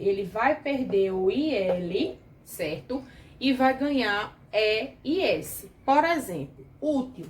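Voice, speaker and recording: A Brazilian woman teacher with a rather high voice talks children through a grammar lesson. She goes slowly and patiently, checking in with the class after each step. The room around her is echoey. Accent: Brazilian Portuguese. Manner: patient, explains slowly, keeps asking the class "certo?". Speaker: primary school teacher.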